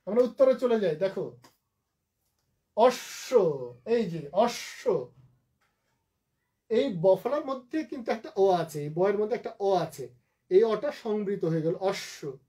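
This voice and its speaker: A man teaching a live online class, patiently repeating each word slowly to drill its pronunciation. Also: sits high, warm tone. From Bangladesh.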